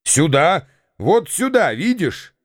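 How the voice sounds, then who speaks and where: An actor reading a contemptuous, impatient young bully in a radio play. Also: male voice, a little high, very animated, takes it slowly, no room sound, clean studio sound, voice pushed up, full character voice. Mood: scornful. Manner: snapping, contemptuous. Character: rough, bullying young man, scornful and impatient.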